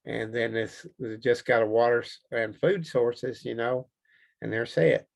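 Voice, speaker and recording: A man's voice: medium pitch, fairly even intonation, a little slow, gravelly. A man with a Kentucky accent, chatting in a rambling, folksy way as an interview guest. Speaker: Bigfoot researcher being interviewed. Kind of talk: casual interview chat.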